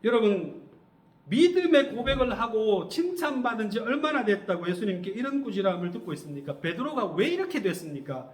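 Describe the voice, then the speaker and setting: A man's voice: high-pitched, very animated, brisk. A middle-aged male pastor preaching a sermon, asking the congregation questions and answering them himself. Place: church sanctuary. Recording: echoey church hall.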